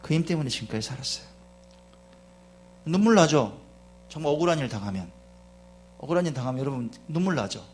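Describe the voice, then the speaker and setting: Fervent male pastor, quiet asides to loud appeals. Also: on the high side, expressive, fast, pauses often, slight background noise. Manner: swings between quiet confiding asides and loud fervent exhortation; chatty, often asks the congregation questions. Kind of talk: Sunday sermon. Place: church sanctuary.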